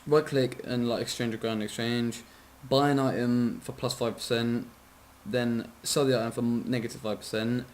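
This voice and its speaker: Here a young-sounding tutorial maker drowsily explains a game in a casual screen recording, yawning, rambling, apologizing, correcting himself, and swearing. He speaks in a mid-range voice with fairly even intonation at normal speed and few pauses, against slight background noise.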